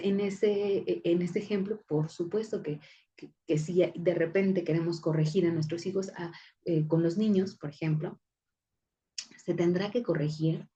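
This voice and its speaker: Woman lecturer, low mellow voice, chatty with fillers, muffled lo-fi audio. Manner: conversational, many fillers and restarts. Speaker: psychology lecturer. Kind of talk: recorded class lecture with anecdotes. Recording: dull lo-fi recording.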